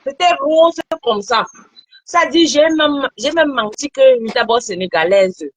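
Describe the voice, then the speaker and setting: A woman in her thirties telling a story in an animated, repetitive way during a casual chat. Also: high voice, measured pace, dry recording. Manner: animated storytelling, repeats phrases.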